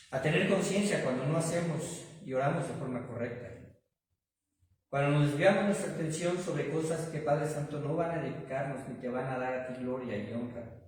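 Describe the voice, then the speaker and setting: A man's voice: medium pitch, a little mellow. A man with a Mexican Spanish accent, preaching a sermon and then leading a long prayer, calling the congregation brothers and asking them rhetorical questions. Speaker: pastor. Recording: echoey hall, from far off the mic.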